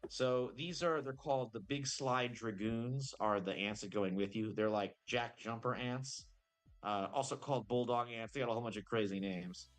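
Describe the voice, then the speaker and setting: A man's voice: mid-range voice, moderate pace, soft background music. A man acting as game master, narrating a tabletop game in a rambling, improvised way, full of fillers and self-corrections.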